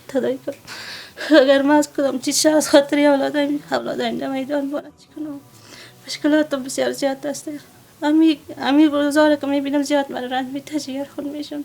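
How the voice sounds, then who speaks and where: A woman's voice: high-pitched, vocal fry, darkish tone. A woman, a widowed mother of four describing her family's hardships in a strained, plaintive way.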